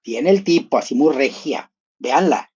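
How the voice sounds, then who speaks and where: Gossipy, husky-voiced man commenting live. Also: expressive, moderate pace, a little mellow, highs cut off. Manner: gossipy, playful, thinking aloud with sudden high exclamations.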